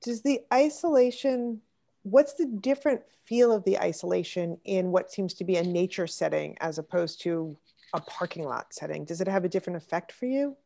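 On a video call, a woman leads an online art discussion, calling on participants by name and reflecting thoughtfully on what they say. Her voice sits on the low side, creaky and mellow, at a moderate pace.

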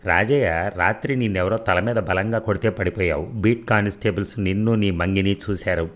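A man voicing a calm, firm male detective who speaks steadily and reassuringly. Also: low voice, brisk, lightly acted.

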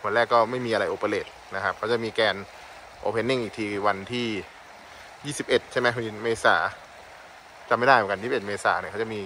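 A man's voice: lowish voice, steady tone, fast talker, rough recording. A man giving casual, chatty travel commentary outdoors by a mountain river, thinking aloud as he walks and tastes food. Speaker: travel vlogger. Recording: loud outdoor background noise.

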